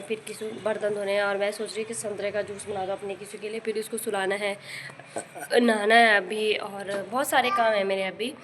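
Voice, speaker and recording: A young woman and mother vlogging in casual chat, rambling with many pauses and fillers, and rising into high, coaxing calls when she talks to her baby. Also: noisy background. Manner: rises into high, loud, coaxing tones when calling the baby.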